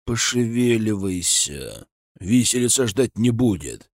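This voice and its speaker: A man voicing a gruff, stern male secret-police colonel who barks his words slowly and menacingly in an audiobook. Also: lowish voice, big pitch swings, no echo, clean studio sound, heavily acted. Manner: barking, slow and menacing.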